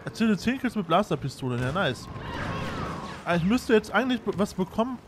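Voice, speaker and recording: Excitable high-voiced German gamer. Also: male voice, fairly quick, background noise. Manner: excitable, self-mocking, shouts at fails. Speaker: gaming YouTuber. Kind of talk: gameplay commentary. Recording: game sounds behind.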